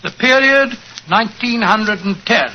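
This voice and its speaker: Genial old English doctor, high fussy voice, courtly storyteller, muffled noisy vintage radio. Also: male voice, a little slow. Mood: avuncular, storytelling. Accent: British. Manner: fussy, courtly, repeating himself. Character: genial, avuncular elderly English doctor telling stories. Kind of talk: 1940s radio drama acting.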